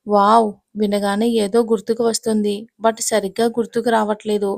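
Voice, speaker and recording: A woman's voice: medium pitch, flat delivery, moderate pace, gravelly, a little mellow, no echo, studio quality. A woman voicing a thoughtful young man who muses aloud in wonder. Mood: musing. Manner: wondering, musing.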